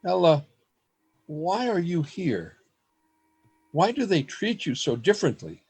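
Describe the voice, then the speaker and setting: Radio play male actor as lovestruck poet, husky, slightly high voice, formal literary phrasing, anxious earnestness, video call recording. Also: very animated, slow, a little mellow, heavily acted. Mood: concerned, urgent. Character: earnest, lovestruck, fearful male poet keeping a secret journal. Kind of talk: radio play acting, journal narration and dialogue. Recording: amateur performance over video call.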